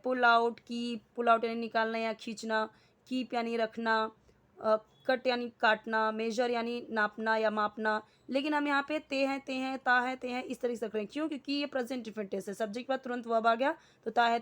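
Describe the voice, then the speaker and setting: A woman's voice: on the high side, steady tone, normal speed, fairly bright tone. A woman teaching an English grammar lesson in Hindi, explaining each word and asking and answering her own questions.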